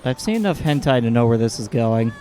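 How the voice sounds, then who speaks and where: A man's voice: medium pitch, expressive, brisk, darkish tone. A man streaming a video game, chatting casually and joking about what happens on screen, with faint game music behind. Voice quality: chatty, jokey, reactive. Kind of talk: casual let's-play commentary.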